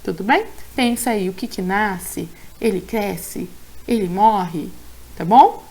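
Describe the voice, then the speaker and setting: A woman's voice: mid-range voice, slow, warm tone. A young Brazilian woman teaching a remote lesson to young children, patient and sing-song, often checking in with the class. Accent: Brazilian Portuguese. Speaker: primary school teacher.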